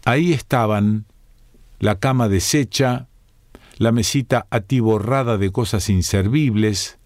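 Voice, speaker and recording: A man with a Rioplatense Spanish accent narrating an audiobook in a calm, measured way. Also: on the low side, no room sound, studio quality.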